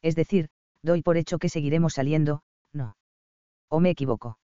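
Un hombre haciendo de una joven insegura. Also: male voice, fairly high pitch, normal speed, smooth, no room sound, lightly acted. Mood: inseguro. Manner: soft, hesitant. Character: unsure young woman, worried and tender. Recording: dull, dry audiobook recording.

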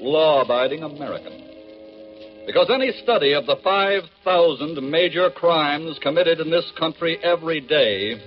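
Male 1940s radio narrator, solemn and emphatic, expressive pitch, dull old disc recording, faint music. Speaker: narrator of a radio crime drama.

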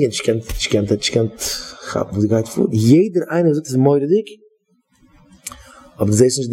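A man's voice: mid-range voice, warm tone, breathy edge. Rambling man giving a Yiddish sermon. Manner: rambling, repeats himself, searches for words. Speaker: rabbi giving a talk.

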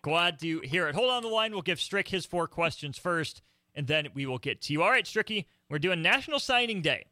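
Bright-voiced man hosting a radio quiz. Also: fairly high pitch, lively intonation, dry recording, clean studio sound. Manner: quick, playful quizmaster banter. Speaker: radio sports show host. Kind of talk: radio trivia game hosting.

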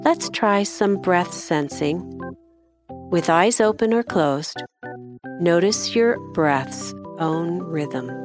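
A woman gently guiding children through a mindfulness exercise in soft, slow instructions. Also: on the low side, animated. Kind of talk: guided meditation. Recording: voice over clear music. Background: background music.

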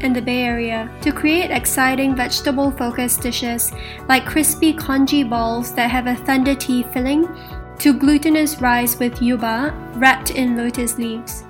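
A woman podcast host reading a scripted introduction, then interviewing her guests. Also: a little high.

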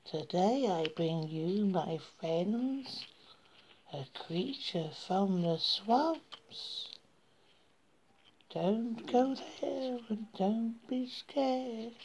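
A woman's voice: mid-range voice, a little mellow, a little hiss or hum, low-quality recording. A woman playing a creepy, theatrical horror host who introduces old scary films in a spooky, menacing, whispery manner.

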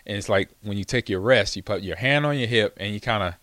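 He talks fast, with a voice on the low side and a fairly bright tone, recorded without echo. The former football player is hosting his own show, chatting loosely and telling a rambling tale full of laughs and fillers.

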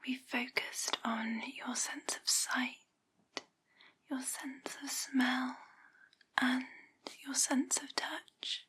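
A woman in a whispered role-play, speaking right in the listener's ear as an examiner, gently and soothingly giving instructions. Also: sits high, fairly even intonation, very slow, pauses often.

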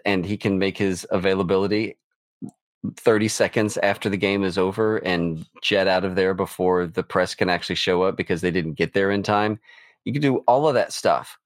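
Low-voiced middle-aged podcast host. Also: male voice, no echo. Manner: restarts often, with playful laughter. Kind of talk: casual sports chat.

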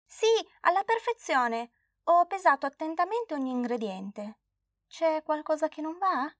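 A high, eager little girl's voice from a storybook, put on by a woman reading aloud. She is a proud nine-year-old perfectionist, boastful and sure of herself. Recorded close and dry. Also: lively intonation, a little slow, no room sound.

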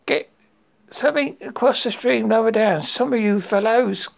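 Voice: mid-range voice, sing-song, moderate pace, creaky, a little mellow, husky, exaggerated voice. A storyteller voicing a bossy, self-important rabbit from a children's storybook. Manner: important-sounding.

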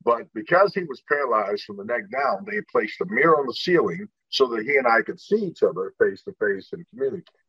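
Earnest guy from indiana telling his story on a podcast, kinda husky, bright voice. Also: medium pitch, lively intonation, a little fast, no room sound, lo-fi sound. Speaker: guest. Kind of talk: personal storytelling in an interview.

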